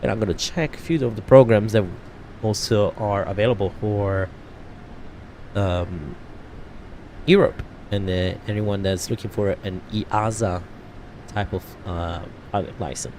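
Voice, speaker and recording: A man chats casually on a flight sim stream, his voice low and mellow. He rambles, fills pauses with "uh" and "um" and restarts his sentences. A faint hum runs under his voice. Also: fairly even intonation. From Italy. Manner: rambling, many fillers and self-corrections. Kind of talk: casual live-stream chat.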